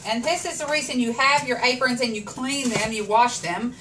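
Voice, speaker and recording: A chatty woman with a fairly high voice talks viewers through her cooking. She sounds a little off from the mic, with chopping and sizzling pans clear in the kitchen around her. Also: moderate pace, bright, forceful tone. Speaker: home cooking vlogger. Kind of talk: casual cooking chat. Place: home kitchen. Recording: home kitchen, mic at a distance, cooking noise. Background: chopping, sizzling pans and dishes.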